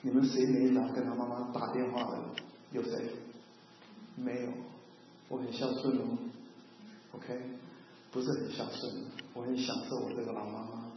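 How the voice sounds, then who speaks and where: A male pastor in his sixties gives a chatty sermon and keeps checking in with his listeners. His voice booms through a large, reverberant hall with a long echo tail, and the recording sounds a little dull. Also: level tone, moderate pace, pauses often, background noise. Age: 60s. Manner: conversational, keeps asking the congregation questions, mixes in English phrases.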